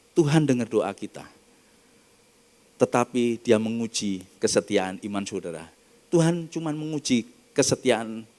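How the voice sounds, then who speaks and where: A man with an Indonesian accent preaching a sermon in church, acting out the people in the story with sudden loud and soft turns. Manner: dramatic, acts out quoted voices with big swings in pitch and loudness. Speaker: pastor.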